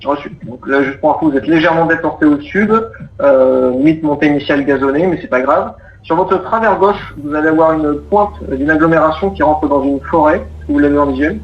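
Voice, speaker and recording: A man's voice: fairly high pitch, a little fast. A man working as an air traffic controller, giving procedural, courteous instructions and explanations over the radio. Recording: muffled roomy radio audio, faint noise.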